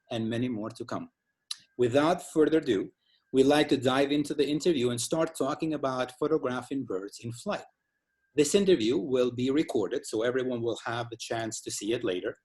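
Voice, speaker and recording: Albanian-accented male interviewer, careful and formal, many pauses. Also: medium pitch, a little mellow. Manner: formal, careful wording with frequent hesitation fillers. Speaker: interview host. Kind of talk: semi-formal hosted interview.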